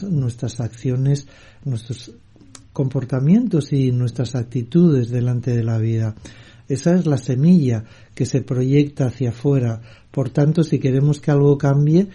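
A man giving a reflective spiritual talk as a meditation teacher, speaking in a calm, measured, thoughtful way. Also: medium pitch, husky.

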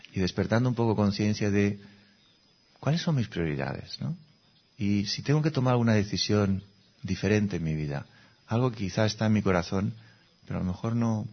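Man, meditation teacher, calm reflective talk, low voice, dull lo-fi recording. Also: husky. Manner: calm, conversational, checks in with listeners.

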